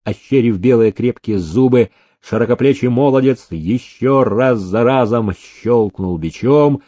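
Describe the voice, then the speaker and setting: A man reads a historical novel aloud as an audiobook narrator, in a measured and expressive way. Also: mid-range voice, no room sound. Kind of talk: scripted narration.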